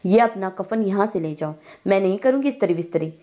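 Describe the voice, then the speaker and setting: A woman's voice: mid-range voice, animated, a little fast, lightly acted. A woman voicing a hot-tempered young woman who snaps indignantly at her sister. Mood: resentful. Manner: sharp, snapping, indignant.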